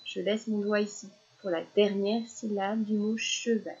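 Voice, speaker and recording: Slow, patient woman teaching children. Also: medium pitch, level tone, darkish tone, dull audio. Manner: patient, repeats syllables slowly and clearly.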